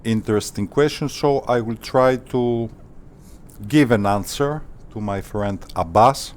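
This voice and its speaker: A man hosting a flight simulator channel, talking casually in deliberate, formal phrases with hesitant pauses. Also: medium pitch. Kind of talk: casual tutorial commentary.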